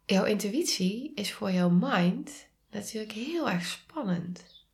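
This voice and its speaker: A Dutch-accented woman gives a reflective solo podcast talk. She speaks very slowly and calmly in a soft, mid-pitched voice. Her words often trail off into hushed whispers. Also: creaky. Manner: slow, calm, soft-spoken, drops to whispers. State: sneezing. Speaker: podcast host and coach.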